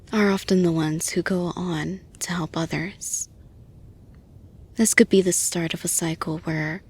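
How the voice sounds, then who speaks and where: In an intimate audio roleplay, a woman voices a caring boss who persuades gently and reassures steadily. She talks very slowly and deliberately, her voice soft, fairly low and very breathy, frequently dropping to a whisper.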